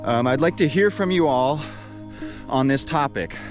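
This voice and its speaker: Outdoor vlogger guy, average pitch, reflective casual talk to camera. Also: animated, moderate pace, soft background music. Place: outdoors on a trail.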